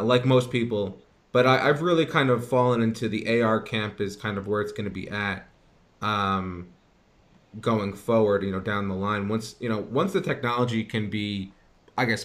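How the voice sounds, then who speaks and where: Low-voiced stammering male host. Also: normal speed, pushed and bright. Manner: hesitant, stammering, many fillers. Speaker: interview host. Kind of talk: conversational interview.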